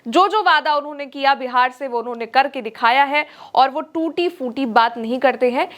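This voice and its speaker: A woman's voice: sits high, moderate pace, a bit bright. A woman presenting scripted political news narration in an emphatic, dramatic way.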